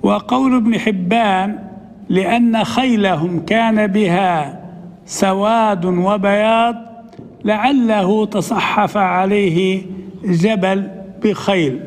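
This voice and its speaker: A man, a sheikh, teaching a classical text lesson, reading passages slowly and then explaining them in a conversational way. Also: high-pitched, fairly even intonation, big-room sound. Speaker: sheikh teaching hadith commentary.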